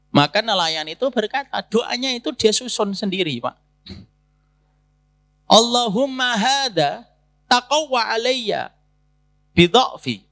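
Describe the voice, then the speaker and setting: A man's voice: high-pitched, sharp tone, no room sound. A middle-aged man preaching in a mosque with an Indonesian accent, telling a story and acting out its dialogue while addressing the men listening. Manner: addresses listeners as Pak, acts out quoted dialogue. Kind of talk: sermon storytelling.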